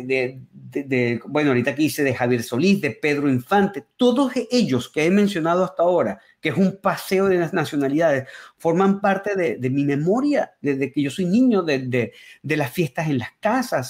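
This Venezuelan musician and comedian speaks in a slightly mellow voice that sits on the higher side. Appearing as a guest in a remote-call interview, he shares stories in an enthusiastic yet reflective way.

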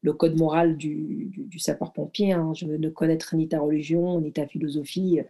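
Low and level in tone, the mellow voice of a Moroccan woman in her thirties carries a casual storytelling conversation. She appears as a guest, an athlete who used to be a firefighter, and speaks reflectively, halting often with fillers and restarts.

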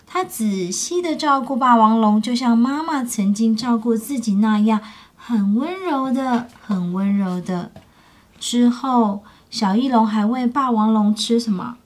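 A woman reading a picture book aloud to children in an expressive way, stopping to ask her listeners questions. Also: on the high side, moderate pace, hardly any pauses. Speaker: storyteller.

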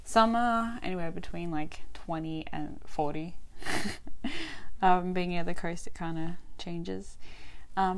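With a lowish voice full of vocal fry, this podcast host is a young woman from Australia with a Western Australian accent. She talks on her solo show in a chatty way, often laughing and starting sentences over.

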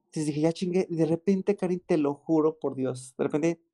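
Excitable Mexican man with a mellow voice. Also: on the high side, moderate pace. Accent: Mexican Spanish. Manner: excited, slangy, repeats exclamations. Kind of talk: casual chat, storytelling.

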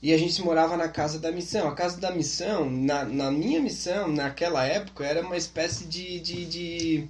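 A man's voice: on the high side, a little fast, reverberant, a crowd in the background. A man, a podcast guest, telling funny anecdotes casually and acting out the quoted people. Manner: animated, acts out quotes.

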